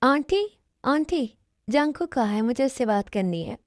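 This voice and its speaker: A woman's voice: high-pitched, animated, unhurried, dry recording, clean studio sound. A woman voicing a heartbroken young woman in an amateur dubbed love story, weepy and pleading.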